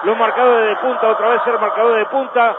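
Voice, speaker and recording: High-pitched male football analyst, tinny sound. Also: little pitch movement, fairly quick. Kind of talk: tactical co-commentary. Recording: tinny band-limited broadcast, loud stadium noise.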